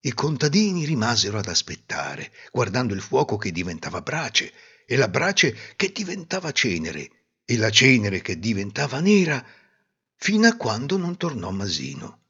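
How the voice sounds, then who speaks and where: A man narrating a folk tale in an expressive storytelling manner. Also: mid-range voice, normal speed, breathy edge. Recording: roomy reverb, dull lo-fi sound.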